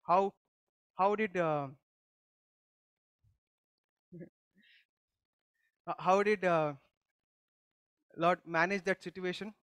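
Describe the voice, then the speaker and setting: A man's voice: sits high, steady tone, extremely slow, long pauses, a bit bright, clear, resonant tone, no room sound. A male pastor giving a conversational sermon, teaching by putting questions to the congregation and often restarting his sentences. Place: church service.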